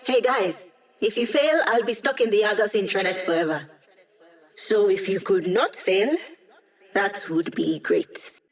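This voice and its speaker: A woman's voice: mid-range voice, measured pace, natural voice. A woman voicing a digitized young female hacker in a video game, a wry, upbeat ally with casual, techy chatter. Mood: dry, teasing.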